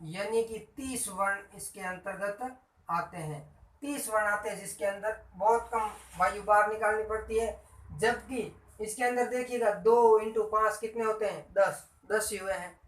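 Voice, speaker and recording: A man's voice: high voice, measured pace, far from the mic. Male grammar teacher, repeats himself, asks the class questions, roomy echo, set back from the mic. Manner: repetitive, quizzing listeners with questions. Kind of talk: classroom-style grammar lesson. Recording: echoey room, voice off-mic.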